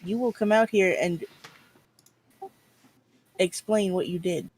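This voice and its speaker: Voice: medium pitch, slow, close to an everyday voice. A player voicing a grieving, angry, stubborn adventurer in improvised tabletop role-play, demanding and confrontational. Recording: clearly noisy recording with clicks.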